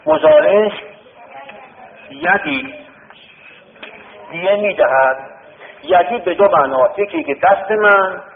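A man's voice: high-pitched, pauses often, a little hiss or hum. A man teaching a classroom lesson, repeating words and quizzing his students over and over. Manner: repetitive, drilling students with questions. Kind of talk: classroom lesson on Arabic word roots. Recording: tinny lo-fi classroom recording with long reverb.

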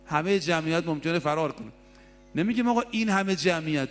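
A man preaching a sermon, passionate, moving between soft asides and raised exclamations. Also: high-pitched. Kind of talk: religious sermon.

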